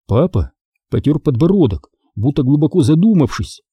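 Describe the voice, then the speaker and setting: A man narrating a story in a steady, even audiobook reading. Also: on the high side, normal speed, slightly rough, dry recording, clean studio sound.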